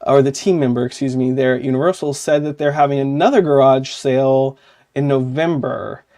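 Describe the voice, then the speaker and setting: A man chats casually as a podcast co-host, with a voice of ordinary pitch. His talk wanders and leans on "like," and he often stops to fix what he just said. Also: steady tone, brisk, dark tone. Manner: chatty and rambling, often saying "like" and correcting himself.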